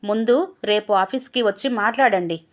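A woman's voice: medium pitch, moderate pace, close to an everyday voice. A woman voicing a stern male tax officer who speaks in an angry, threatening way.

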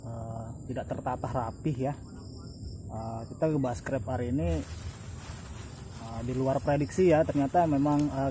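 A man's voice: medium pitch, noisy background. Hesitant young man vlogging outdoors. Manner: hesitant, many fillers, friendly address to viewers. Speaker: bushcraft vlogger. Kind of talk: casual outdoor vlog talk. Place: outdoors in a forest clearing.

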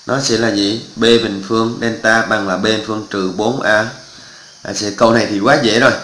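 A man's voice: on the low side, fairly even intonation, normal speed, pushed and bright, reverberant, low-quality recording. A male math teacher, walking through exam answers step by step and often checking that students follow. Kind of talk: exam walkthrough lesson.

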